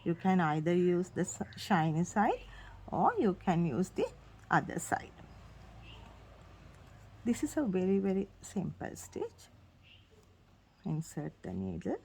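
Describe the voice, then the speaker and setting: A woman's voice: lowish voice, very animated, slow, gravelly, long pauses, darkish tone, a little hiss or hum. A woman with a Sri Lankan accent, a native Sinhala speaker, giving an informal step-by-step tutorial with simple, repeated phrasing. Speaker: craft tutorial host. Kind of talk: informal instructional demonstration.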